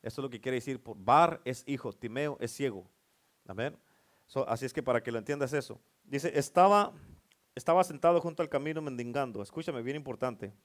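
A man preaching a sermon, building from calm Bible reading to fervent, shouted exhortation. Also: medium pitch, a little fast. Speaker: pastor.

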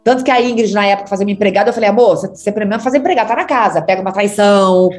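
Racing along at medium pitch, a Brazilian actress with a Brazilian Portuguese accent chats and laughs as she shares career stories as an interview guest. She talks a lot, and faint music plays in the background.

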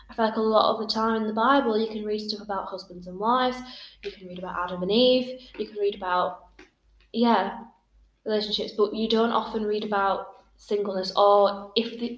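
A 21-year-old woman from England, hosting a casual podcast chat and talking in a friendly, rambling way. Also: mid-range voice. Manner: chatty, laughs often, uses "like" a lot. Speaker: podcast host. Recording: roomy echo.

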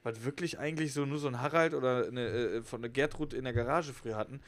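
Young man, podcast co-host, rapid slangy storyteller. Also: medium pitch. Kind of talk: casual podcast chat.

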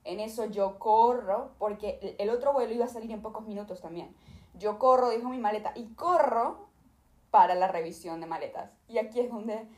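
Young Venezuelan woman, YouTuber telling a storytime vlog, dramatic and animated, recorded on a desk mic in an echoey room. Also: a little high, normal speed. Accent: Venezuelan Spanish. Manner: animated, dramatic retelling, acting out the people in her story. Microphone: desk microphone.

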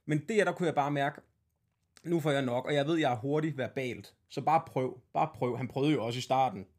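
Man, podcast host, from Denmark, casual chat, blunt, cursing, middle pitch. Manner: blunt, swear-heavy storytelling.

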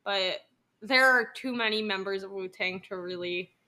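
A woman's voice: medium pitch, moderate pace, bright, forceful tone. A woman co-hosting a casual podcast, playful and jokey, chatting about music in a living room. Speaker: podcast co-host. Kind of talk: casual chat.

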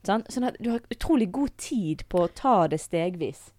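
A woman guest on a podcast telling lively stories about raising children. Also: medium pitch, no echo. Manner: lively storytelling, quick asides. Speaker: guest, mother. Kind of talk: casual podcast chat.

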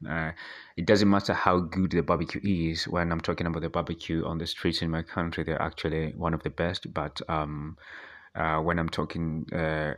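A man from Tanzania, hosting a podcast and answering speaking-exam questions with many pauses and fillers. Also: rumbling low. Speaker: podcast host. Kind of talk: speaking-exam practice monologue.

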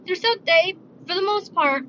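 A bright, high-voiced woman talks on her own in a loose, rambling way, often stopping to correct herself mid-sentence. She sounds like she is recording from her car. The audio is dull and lo-fi, with a faint hiss of noise behind her. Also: moderate pace. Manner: rambling, self-correcting, chatty. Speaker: podcast host. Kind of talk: casual solo talk.

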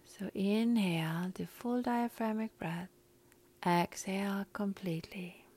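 A woman guiding a breathing meditation in a calm, soft, often whispery voice, counting breaths. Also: mid-range voice, measured pace, husky.

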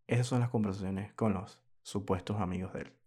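A man's voice: on the low side, steady tone, fairly quick, warm tone, husky. A man hosting a podcast, telling a story in a casual monologue, indignant and moralizing, throwing rhetorical questions at his listeners. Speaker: podcast host.

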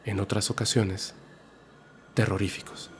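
Low hushed horror narrator. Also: male voice, level tone, slight background noise. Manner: slow, hushed dramatic delivery. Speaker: storyteller host.

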